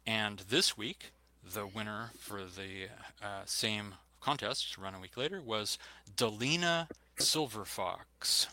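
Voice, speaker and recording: Slow, bright-voiced man reading announcements. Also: on the low side, no room sound. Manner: slow, deliberate, reads out names. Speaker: co-host.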